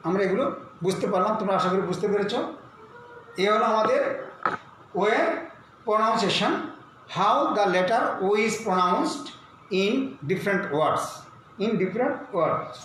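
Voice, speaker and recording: Male online English teacher from Bangladesh, high voice, patient step-by-step explaining, recorded in a very echoey room. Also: fairly bright tone. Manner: explains slowly, spells words letter by letter. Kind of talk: online lesson. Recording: very echoey room with faint hiss.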